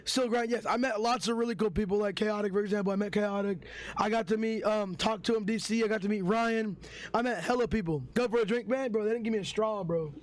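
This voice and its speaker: A young streamer with a high-pitched, hoarse voice vents to his viewers in a heated storytime. He swears freely and keeps calling them "bro" and "guys". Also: steady tone, quick pace, a little hiss or hum. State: hoarse from yelling. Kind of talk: storytime rant to chat.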